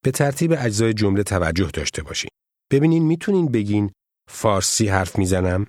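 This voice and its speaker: Low-voiced man narrating a language lesson, dry sound. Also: big pitch swings, a little mellow, dry recording. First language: Persian. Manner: measured instructional delivery with prompts to repeat. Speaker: language course instructor.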